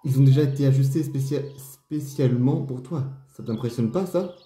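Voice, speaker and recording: A man reading a stern male golf club official's lines aloud, slow and deliberate, as he plays a game. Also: mid-range voice, dark tone, slight background noise, close to an everyday voice. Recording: roomy echo, faint game music.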